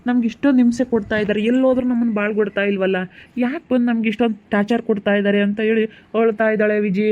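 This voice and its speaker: Woman doing a sister-in-law talking fast to calm things down, muffled lo-fi sound. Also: fairly high pitch, close to an everyday voice. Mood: reassuring. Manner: quick, reassuring.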